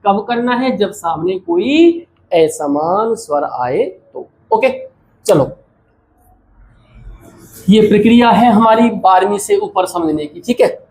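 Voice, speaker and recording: High-voiced man teaching Sanskrit grammar. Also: expressive, takes it slowly, a little mellow, low-quality recording. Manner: repeats questions and answers them himself, calls students "beta". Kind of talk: classroom lecture at a board.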